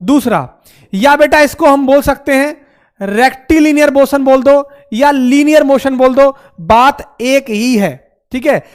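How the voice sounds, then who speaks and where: A man's voice: very high voice, unhurried. A man teaching a physics lesson, repeating terms and asking questions he answers himself. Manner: repetitive, calls students beta and mere bhai. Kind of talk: classroom lecture.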